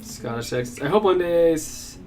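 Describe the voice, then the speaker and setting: A man's voice: fairly high pitch, lively intonation, normal speed. A man working as a game master, talking to himself in a casual, rambling way with many fillers while he plans his game. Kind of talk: casual solo stream prep, thinking aloud. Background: guitar music.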